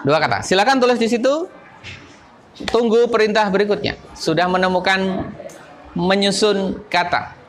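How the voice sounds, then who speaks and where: A man teaching a school class, leading it through word games and lively call-and-response chants. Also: high voice, moderate pace, pauses often.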